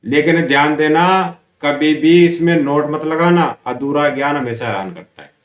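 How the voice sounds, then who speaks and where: Hindi-speaking male teacher, echoey room. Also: fairly high pitch. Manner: explains slowly, asks and answers his own questions; stretches out English example sentences word by word. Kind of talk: grammar lesson for school students.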